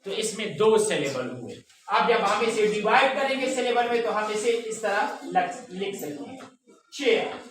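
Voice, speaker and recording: With a high, fairly bright voice and lively intonation, a male English teacher runs a pronunciation class at normal speed, stretching each word syllable by syllable and quizzing students. The very echoey room places him far off, and a little hiss or hum is present.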